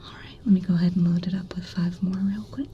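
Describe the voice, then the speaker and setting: A woman softly whispering an ear cleaning ASMR whispered role-play as a gentle, reassuring ear clinician. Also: lowish voice, steady tone, fast talker, lo-fi sound, a little hiss or hum.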